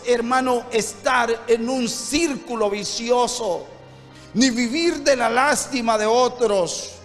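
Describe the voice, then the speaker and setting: A pastor from Honduras with a Honduran accent, preaching a sermon with fervent rhetorical questions and repeated phrases. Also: male voice, very high-pitched, a bit bright, big-room sound. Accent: Honduran Spanish.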